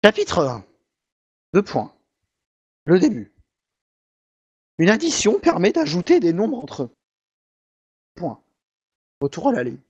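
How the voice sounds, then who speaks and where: A man doing a slow half-robot voice reading a text. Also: sits high, huge pitch swings, darkish tone, husky, lo-fi sound, full character voice. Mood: grumbling. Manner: reads every punctuation mark aloud in a slow, mechanical dictation. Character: half-robotic voice dictating a text, punctuation and all. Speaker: YouTuber. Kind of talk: comic mock-dictation reading.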